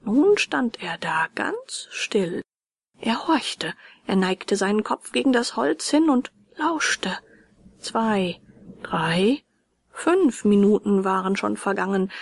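A woman reading a children's fairy tale aloud in a hushed, half-whispered way. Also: medium pitch, big pitch swings, takes it slowly, vocal fry, breathy edge, no room sound. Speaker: narrator. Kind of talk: storybook reading.

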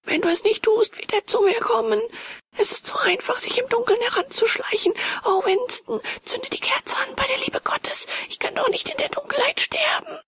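A woman voicing a terrified man who begs and cries out in panic in the dark, in shrill, breathy whispers. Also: moderate pace. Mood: panicked pleading. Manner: frantic, begging, whispered cries.

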